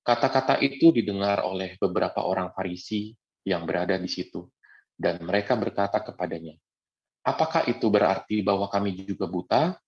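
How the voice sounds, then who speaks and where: A man with a very low voice reads a passage aloud. He pauses on small fillers as he goes. The recording sounds dull and muffled. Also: a little mellow. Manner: halting reading with fillers. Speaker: scripture reader. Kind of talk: reading scripture aloud.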